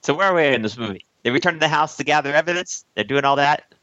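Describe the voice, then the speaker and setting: A man's voice: fairly high pitch, animated, fast, pushed and bright, no echo, highs cut off. A man co-hosting a movie discussion, joking casually with a wry manner. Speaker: co-host of a comedic movie discussion show.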